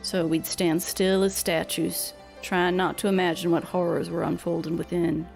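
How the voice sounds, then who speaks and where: A woman voicing a grim retired male palace guard in a game, with a low, somber, slow delivery. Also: little pitch movement, gravelly, a little mellow, soft background music. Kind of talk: reading game dialogue aloud in voices.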